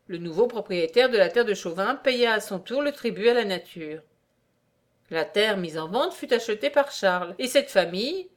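A woman reading an old-fashioned story aloud in a measured, formal way. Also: medium pitch. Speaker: reader.

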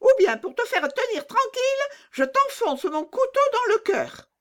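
A wild little robber girl barks orders in a shrill, piercing voice, as a woman puts her on. She sounds bossy and menacing, with a sing-song swing to every threat in this storybook tale. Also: sing-song, a little slow, fairly bright tone, full character voice.

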